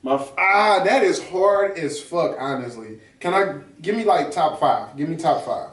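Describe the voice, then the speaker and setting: A man's voice: a little high, animated, unhurried, a bit bright. A man hosting a casual talk show, chatting in loose slang with plenty of swearing. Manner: slangy, profane banter. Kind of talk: casual chat. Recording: roomy echo, distant mic.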